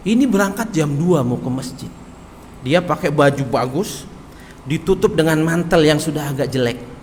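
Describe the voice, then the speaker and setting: A man's voice: on the high side, normal speed, a little mellow, big-room sound, slight background noise. A man preaching in a mosque, telling a story and often turning to his listeners. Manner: storytelling, addressing listeners as Pak. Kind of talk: mosque study sermon.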